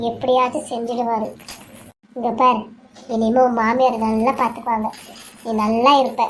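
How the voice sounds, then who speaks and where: A woman's voice: a little high, a little hiss or hum, natural voice. A woman voicing a shrewd middle-aged mother who lectures her daughter bluntly, in a family serial drama. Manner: lecturing, scornful of people who love for money. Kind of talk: Tamil family serial voice acting.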